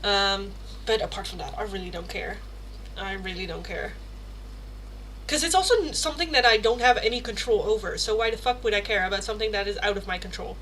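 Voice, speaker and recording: This low-quality recording carries a little hiss or hum behind a woman in her thirties speaking fairly quickly at medium pitch, her tone a bit bright. She's a tarot livestream host chatting informally with viewers, answering questions, joking at her own expense, laughing often and swearing casually.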